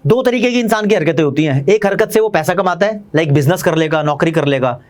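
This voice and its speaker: A man with an Indian accent teaching commerce in a fast, chatty online lecture, talking straight to his students. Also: a little high, expressive.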